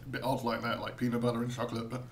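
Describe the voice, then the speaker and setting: A man's voice: mid-range voice, little pitch movement, racing, slight background noise. A British man in a casual taste-test vlog, eating sour candy and talking through winces and groans. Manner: talks with sour candy in his mouth, wincing and groaning. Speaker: taste tester presenting to viewers.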